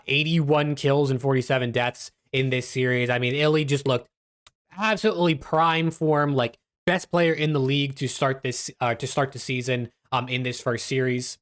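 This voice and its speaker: A man giving casual esports analysis as host of a recap video, speaking a little constrained with stitches in his mouth after dental surgery. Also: fairly high pitch. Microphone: webcam video setup.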